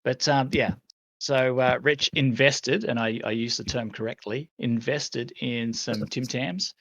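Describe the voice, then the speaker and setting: Aussie guy hosting a chill community chat, lots of ums, crisp bright tone. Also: mid-range voice, steady tone, measured pace, no echo. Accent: Australian. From Australia. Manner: laid-back, lots of fillers. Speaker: community host. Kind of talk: casual stream chat.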